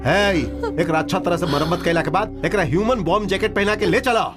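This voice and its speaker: A man's voice: high voice, brisk, close to an everyday voice. An amateur actor playing a cruel, mocking male gang boss who taunts and threatens. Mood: gloating. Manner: taunting, gloating. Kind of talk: amateur spoof film acting. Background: background music.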